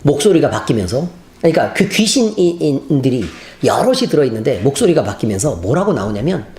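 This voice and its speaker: Lively preaching man, echoey sanctuary. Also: medium pitch, brisk. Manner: animated storytelling, acting out scenes. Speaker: pastor. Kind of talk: sermon. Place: church sanctuary. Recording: roomy church hall, faint noise.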